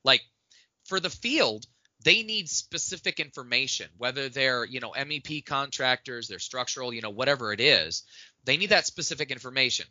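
A man co-hosting a podcast, talking in an excitable, loose and casual way about design workflows. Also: medium pitch, moderate pace, dry recording, highs cut off. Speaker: podcast co-host. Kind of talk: casual tech chat. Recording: dry close-mic sound.

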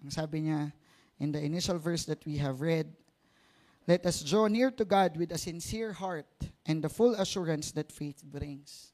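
A man's voice: a little high, a little mellow. A man with a Filipino accent preaching a sermon in mixed Tagalog and English, conversationally, often checking for agreement. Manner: switches between Tagalog and English; conversational, seeks agreement with rhetorical tag questions.

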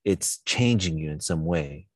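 Pastor, male, low voice, dry sound, reflective and unhurried in conversation. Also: expressive, no room sound. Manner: thoughtful, searching for words. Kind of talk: conversational Bible discussion.

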